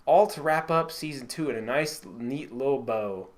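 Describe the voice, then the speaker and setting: Guy on a podcast rambling about a tv show, swears a lot, voice fades out at the ends, nothing special about the pitch. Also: normal speed. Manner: rambling, swears freely, trails off quietly. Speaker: podcast co-host. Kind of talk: casual chat.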